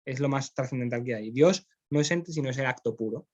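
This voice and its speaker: A man's voice: medium pitch, fairly quick, darkish tone, breathy edge, highs cut off. A man with a Spanish accent, teaching philosophy in a classroom, explaining step by step and often checking in with his students. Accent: Spain. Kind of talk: classroom lecture.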